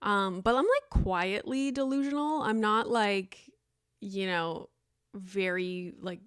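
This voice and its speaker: A woman's voice: mid-range voice, slow, smooth, dry recording, studio quality. A woman in her thirties hosting a solo podcast, talking in a chatty, rambling way with lots of "like" and fillers. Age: 30s. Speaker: podcast host.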